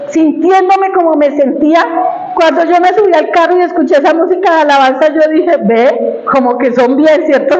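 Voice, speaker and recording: A woman's voice: sits high, darkish tone. A woman preaching a sermon, sharing personal testimony in a conversational, emotional way and asking the congregation questions. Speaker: church preacher. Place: church hall. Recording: echoey, dull church recording.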